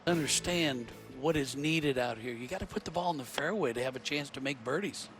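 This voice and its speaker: A man's voice: mid-range voice, brisk, music in the background. A man giving live golf commentary, explaining technique in a conversational analyst's way. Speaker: golf commentator, former player.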